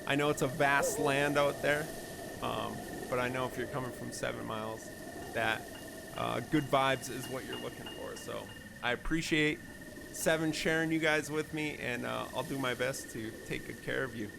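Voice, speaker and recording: A man's voice: mid-range voice, normal speed, creaky. A man, a variety streamer, chatting casually and upbeat while playing a game live and thanking viewers. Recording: loud background noise.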